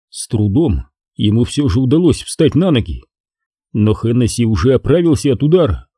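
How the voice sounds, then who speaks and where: A male narrator reads a thriller with expressive, lively intonation. His voice is dark, mellow and a little husky, and the recording is dry and close with no room sound. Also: mid-range voice, dry recording. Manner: expressive, tense storytelling. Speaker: audiobook reader. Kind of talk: dramatic audiobook narration.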